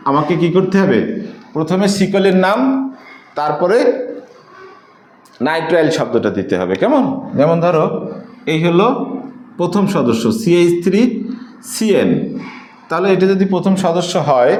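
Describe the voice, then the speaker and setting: A man's voice: a little high, darkish tone. A man. He asks the class questions and then answers them. The room has a noticeable echo. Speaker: chemistry teacher. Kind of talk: whiteboard lecture. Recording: echoey room.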